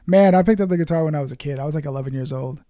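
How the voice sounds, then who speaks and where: A man's voice: on the high side, very fast, mellow, no room sound, studio quality. A man from Puerto Rico, born in New York, hosting a casual guitar livestream, greeting viewers by name in a loose, chatty way and swearing now and then. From born in New York, raised in Puerto Rico. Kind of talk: casual livestream chat reading comments.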